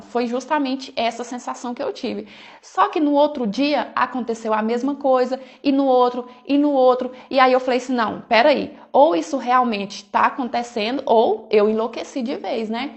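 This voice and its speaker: A woman with a high voice and a Brazilian Portuguese accent tells a personal story at a moderate pace in a casual, chatty storytime style. She keeps it conversational, often tossing in fillers like "né" and "falou assim".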